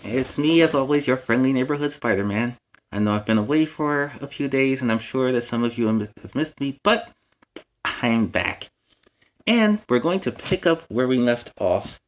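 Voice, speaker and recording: A man's voice: mid-range voice, lively intonation, moderate pace, lightly acted. A man playing a friendly young superhero who hosts a children's storytime, reading animatedly and explaining things in kid-friendly asides. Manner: kid-friendly, explains words and gives advice.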